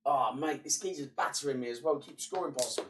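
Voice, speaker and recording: A congested bloke, voice partly gone, gives chatty, matey commentary while streaming a football management game, muttering to himself between bursts. His mid-range voice is brisk and fairly bright. He's recorded from a distance with slight background noise.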